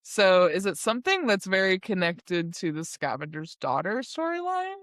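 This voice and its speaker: A woman's voice: mid-range voice, sing-song, moderate pace, no echo, studio quality. A woman co-hosting a podcast, chatting casually about a book; she rambles, laughs often and swears freely. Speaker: podcast co-host. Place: recording studio.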